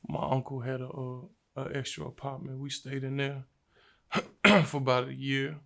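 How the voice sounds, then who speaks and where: A man's voice: medium pitch, little pitch movement, normal speed, vocal fry, sharp tone. A young man from Virginia, a rapper, telling his life story in a casual, slangy interview. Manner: laid-back, slangy storytelling.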